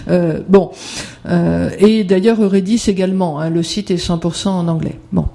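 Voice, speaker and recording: Halting slide presenter, fry in the voice, warm and dark, lots of hesitations. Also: mid-range voice, steady tone. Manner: hesitant, many filler sounds. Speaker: conference presenter.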